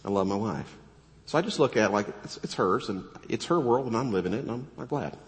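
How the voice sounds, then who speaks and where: A middle-aged pastor preaches with a somewhat low, hoarse voice that keeps breaking into coughs. He slips joking asides into earnest exhortation, and the sound carries a long reverb from the church hall. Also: animated, quick pace. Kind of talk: sermon. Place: church sanctuary.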